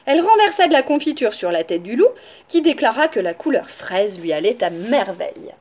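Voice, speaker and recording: A woman reads a children's storybook aloud, with a high and very lively voice. She is expressive and stops now and then to explain things to the young listeners. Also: fairly quick.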